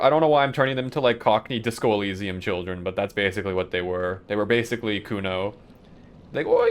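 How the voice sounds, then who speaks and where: A young man with a smooth, lowish voice streams a video game, chatting casually as he plays live. His talk rambles, he swears freely, and he chuckles a lot.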